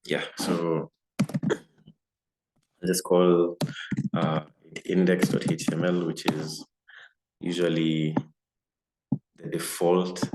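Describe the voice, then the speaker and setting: A coding instructor leads a relaxed live coding lesson over a video call, filling his speech with lots of fillers. His voice is low and slow, broken by long pauses, and the audio has a roomy echo with faint noise.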